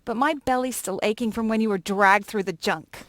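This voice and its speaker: A woman's voice: mid-range voice, brisk, dry recording, close to an everyday voice. An actress playing a sarcastic, scornful young woman shopkeeper in a video game, mocking and theatrical.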